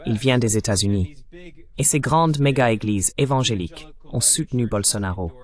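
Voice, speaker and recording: A man with a mid-range voice delivers a voice-over translation of political commentary. His style is measured and explanatory.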